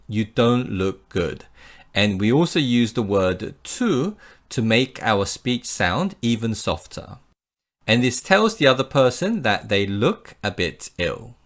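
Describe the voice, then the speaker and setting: A man with a somewhat low, slightly bright voice delivers a slow, scripted English lesson. He walks through phrases patiently and gives example sentences for the listener to say back.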